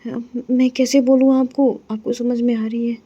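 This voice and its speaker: A shy, flustered young woman in love, as a storyteller puts her on, hesitant and stammering, speaking softly. The tone is dark and mellow with little lilt, in a dull lo-fi storybook recording. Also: fairly high pitch, little pitch movement, moderate pace, slightly rough. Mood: earnest.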